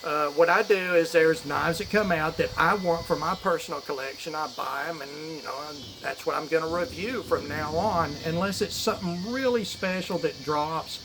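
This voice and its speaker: A man's voice: on the high side, normal speed, hardly any pauses. A man talking casually to camera as a channel host, rambling and opinionated, in an informal way. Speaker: knife review channel host. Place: outdoors on a back porch in a storm. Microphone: phone camera. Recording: windy outdoor phone audio, storm noise.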